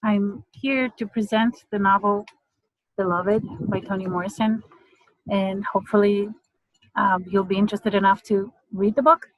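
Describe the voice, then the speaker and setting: A middle-aged woman from Romania, an English lecturer giving an online presentation in a measured way, pausing often with fillers. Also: medium pitch, fairly even intonation, dry recording, narrow, tinny audio. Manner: measured, hesitant with frequent fillers.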